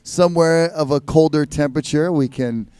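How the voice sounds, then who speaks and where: A man's voice: on the high side, moderate pace, mellow, smooth, dry recording. A man giving live sports commentary as a contest announcer, in a laid-back, casual surfer manner.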